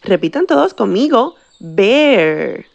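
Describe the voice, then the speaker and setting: The recording is lo-fi, and her mid-range voice is creaky with a sing-song lilt. She's a teacher giving children a bilingual vocabulary lesson, slowly drawing out each word for them to echo.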